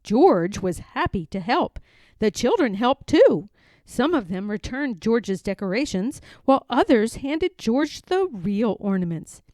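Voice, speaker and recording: A woman reading a children's picture book aloud in an expressive, sing-song way. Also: on the high side, measured pace, dry recording. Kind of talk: storybook read-aloud.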